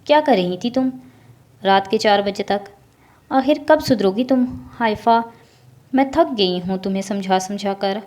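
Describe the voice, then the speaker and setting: A woman's voice: mid-range voice, hardly any pauses, darkish tone, natural voice. A woman voicing a stern, angry middle-aged mother who scolds her daughter in a raised voice, in a storybook reading.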